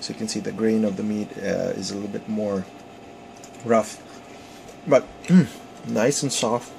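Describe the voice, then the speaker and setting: Gravelly man with a sizzling pan. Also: on the low side, level tone, dark tone, poor audio. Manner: halting, many ums and restarts. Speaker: home cook demonstrating. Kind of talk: casual cooking demo narration. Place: home kitchen, searing at the stove. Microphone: phone camera. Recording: phone video with sizzling pan noise. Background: frying sizzle.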